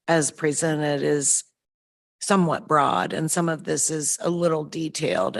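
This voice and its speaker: A woman commissioner with a low, creaky voice addresses a meeting. Her tone stays even, and she phrases things slowly and carefully. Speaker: commissioner questioning the chair. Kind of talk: deliberate meeting talk.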